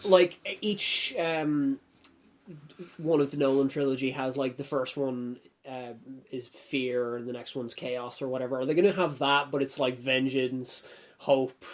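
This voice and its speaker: A man's voice: medium pitch, fairly even intonation, measured pace. A man co-hosting a casual film podcast, asking questions and trailing off mid-thought. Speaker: podcast co-host.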